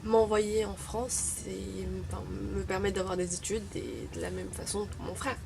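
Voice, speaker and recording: This vlogger, a young native Arabic speaker from Morocco, talks casually to camera with wry humor and frequent hesitations. Her mid-range voice has vocal fry and moves at a moderate pace over background noise.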